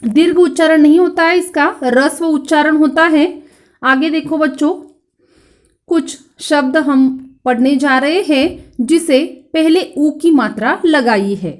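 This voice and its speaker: A woman with a high voice and a Marathi accent teaches young children. She speaks slowly and carefully, drawing out each word. She repeats sounds so her pupils can echo them back. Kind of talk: children's grammar lesson.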